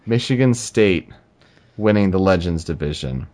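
A man co-hosting a casual sports talk show, making relaxed, talkative predictions about college football. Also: low voice, normal speed. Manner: relaxed, talkative, spells out names. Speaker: sports podcast co-host.

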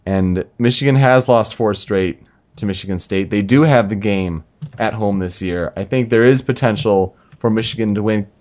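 A man co-hosting a casual sports talk show, making relaxed, talkative predictions about college football. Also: lowish voice, normal speed. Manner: relaxed, talkative, spells out names. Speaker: sports podcast co-host.

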